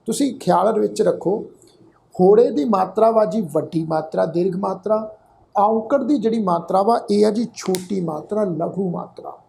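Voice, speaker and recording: A man teaching scripture pronunciation, spelling out letters and vowel marks and then saying each word slowly. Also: high voice, gravelly, dark tone. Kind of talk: slow line-by-line scripture pronunciation lesson.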